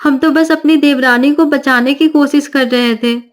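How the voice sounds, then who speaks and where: A woman's voice: high voice, fairly even intonation, moderate pace, close to an everyday voice. A dutiful young elder sister-in-law from a cartoon story, polite and pleading, voiced by a woman close to her own voice. She talks respectfully to her elders.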